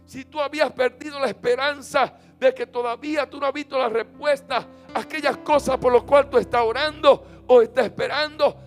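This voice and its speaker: A man preaching a sermon as pastor, leading call-and-response and swinging from loud chanted lines to soft low ones. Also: fairly even intonation, fairly quick, few pauses. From Dominican Republic. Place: church sanctuary. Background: faint instrument music.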